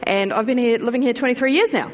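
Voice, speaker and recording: A woman pastor with a New Zealand accent preaches a sermon in a church hall, speaking quickly in a fairly high voice with a big-room sound. She's chatty, addressing the congregation directly with warm asides.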